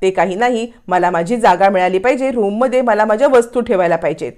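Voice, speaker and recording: A woman's voice: mid-range voice, fast talker, darkish tone, natural voice. A woman voicing a determined young bride who speaks firmly and insists on what she wants. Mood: insistent.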